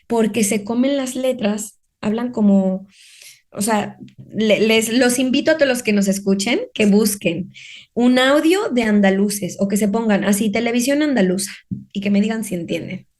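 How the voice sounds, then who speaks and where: A woman's voice: fairly high pitch, moderate pace, darkish tone. A woman with a Mexican accent, a guest on a podcast, chatting casually about her life and acting out her own past remarks in quoted asides. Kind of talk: casual conversational storytelling.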